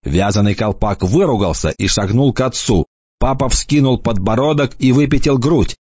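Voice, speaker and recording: A man reading an audiobook in a lively storytelling manner. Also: mid-range voice, normal speed, husky, no echo. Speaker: audiobook narrator. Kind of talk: scripted narration. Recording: dull lo-fi dry recording.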